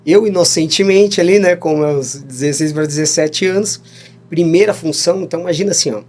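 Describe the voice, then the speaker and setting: A fairly high-pitched, slightly mellow male voice comes through at a fairly quick clip. The speaker is a Brazilian man in his 30s, a podcast guest spinning stories in a rambling, casual interview style, with lots of "né?" and laughter along the way.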